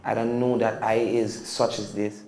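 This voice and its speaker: Caribbean man, podcast guest, gravelly, roomy room, faint ambience; reflective and emphatic. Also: lowish voice, flat delivery, moderate pace, darkish tone, slight background noise. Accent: Caribbean English. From Caribbean (Statia). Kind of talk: casual storytelling interview.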